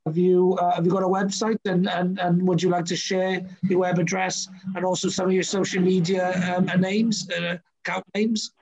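High, gravelly man hosting a chat. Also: level tone, moderate pace, few pauses, darkish tone, poor audio. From Wales. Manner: chatty, rambling with many fillers. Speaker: podcast host. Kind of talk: casual interview chat.

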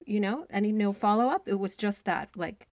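A woman's voice: medium pitch, brisk, darkish tone, no room sound. Upbeat woman talking from inside a closet. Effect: recorded inside a closet, dry and close. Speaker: podcast co-host. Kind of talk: casual podcast chat. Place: small clothes closet.

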